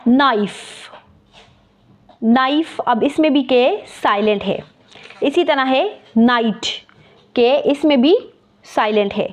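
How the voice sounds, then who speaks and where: A woman's voice: fairly high pitch, slow pace. A woman teacher explaining a lesson, spelling words out letter by letter and repeating key terms. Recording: muffled lo-fi recording.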